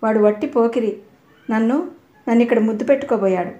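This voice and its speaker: A woman's voice: fairly high pitch, quick pace, warm tone, roomy sound, highs cut off, close to an everyday voice. A woman voicing a naive, innocent teenage girl in an audio novel, talking earnestly.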